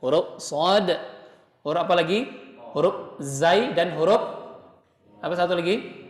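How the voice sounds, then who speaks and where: A man's voice: high-pitched, measured pace, echoey room, in a large hall. A man teaching Quran pronunciation, patiently demonstrating letter sounds and chanting short words.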